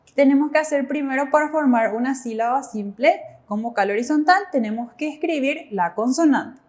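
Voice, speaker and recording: High-voiced woman teacher explaining patiently. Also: normal speed, a little mellow. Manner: patient, explains by asking and answering her own questions. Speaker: Korean language teacher. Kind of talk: step-by-step classroom explanation.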